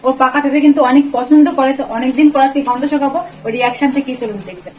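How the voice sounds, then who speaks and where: Lady home vlog, high voice, keeps coaxing the dog, echoey room. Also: steady tone, rapid-fire, darkish tone, slight background noise. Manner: coaxing, repeats short words to the dog. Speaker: vlogger. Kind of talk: casual home vlog, talking to a pet dog.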